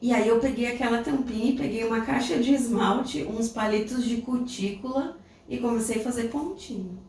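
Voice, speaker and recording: Medium in pitch and a little mellow, a Brazilian woman reflects casually on a personal experience as a podcast co-host. Her accent is Brazilian Portuguese; the recording has room echo, a distant microphone, and faint background noise.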